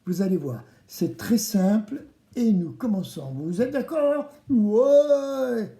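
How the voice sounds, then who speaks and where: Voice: mid-range voice, very animated, unhurried, warm tone. A person presenting a craft tutorial for children, speaking French directly to the kids in a playful, theatrical way and prompting them to respond. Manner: playful, theatrical, exclamatory, asks the children to answer. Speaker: presenter of a children's DIY video series. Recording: roomy, echoing indoor sound.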